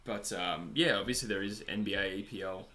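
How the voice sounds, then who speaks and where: Australian male streamer, 20s, chatty self-deprecating host, bright tone. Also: lowish voice, a little fast. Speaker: livestream host reading chat. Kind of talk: casual live chat over a cricket match.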